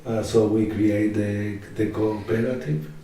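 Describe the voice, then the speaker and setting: A man's voice: fairly low pitch, fairly even intonation, measured pace, dark tone. A man from Argentina, a cooperative resident, speaking hesitantly in an interview. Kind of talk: interview, casual talk. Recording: echoey room from far off, faint noise.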